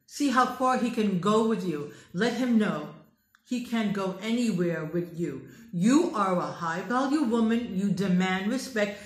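Emphatic American woman coaching in a roomy space. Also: mid-range voice. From United States. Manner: emphatic, preachy, repeats phrases for emphasis. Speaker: dating coach. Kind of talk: direct advice monologue. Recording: roomy echo.

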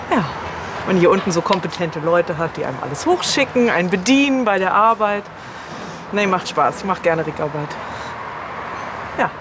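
A woman's voice: medium pitch, noisy background. A woman in her forties chatting casually about working up in the rigging of an old sailing ship in a harbour. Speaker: boat owner working in the rigging. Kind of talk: casual chat.

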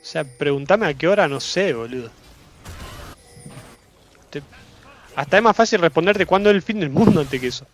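A man with a Rioplatense Spanish accent giving excitable live gameplay commentary as a streamer, swearing casually and repeating his phrases. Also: a little high, moderate pace, long pauses, soft background music.

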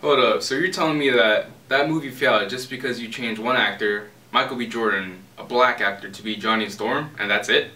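A young man in an amateur student skit plays an indignant actor who argues his point. His voice is bright. It sounds recorded in an echoey room from a little way off, with faint noise. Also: medium pitch, fairly quick, few pauses. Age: young adult. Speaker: student actor playing an auditioning actor. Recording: roomy, distant, faint noise.

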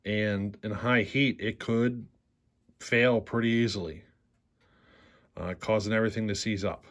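A man's voice: on the low side, fairly even intonation, unhurried, fairly bright tone. A man in a workshop demonstrating a chainsaw repair, talking plainly and unhurriedly, often asking "see how". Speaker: chainsaw repair channel host. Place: workshop bench.

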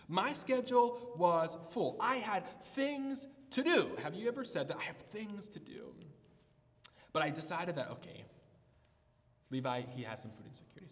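Guy preaching a sermon, lively pitch that rises and falls, lots of restarts and "uh"s, big echoey hall. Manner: storytelling with many restarts and fillers. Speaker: pastor. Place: church hall.

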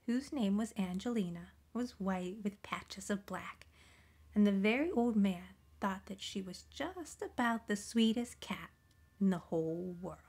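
A woman reads a children's picture book aloud in a gentle, expressive storytelling voice. Her lines often sink into soft, breathy whispers before rising again, with a mid-range pitch typical for a woman. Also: measured pace. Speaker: storybook reader.

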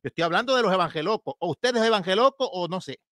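This is a man delivering a combative sermon, quick to scold and mock his critics. His voice sits high and sounds bright and sharp. The recording is dry and close, with no room sound around him. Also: lively intonation, no echo. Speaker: preacher. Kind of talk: sermon-style commentary.

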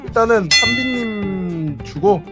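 An excitable gamer chatting casually with friends during a horror game, often repeating phrases urgently. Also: mid-range voice, takes it slowly. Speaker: video game player. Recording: loud music over the voice.

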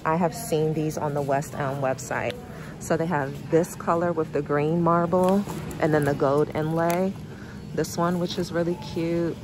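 A woman filming a casual shop-with-me vlog, chatting excitedly to viewers as y'all while browsing store aisles on a handheld phone. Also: low-pitched, noisy background. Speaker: vlogger and therapist.

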